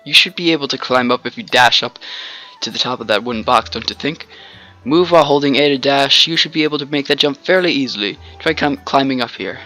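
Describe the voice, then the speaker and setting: A man's voice: mid-range voice, fairly quick, pushed and bright, faint music behind, pitched above the performer's own voice, close to an everyday voice. A man reading the lines of a chatty male tutorial guide in a video game, explaining controls cheerfully.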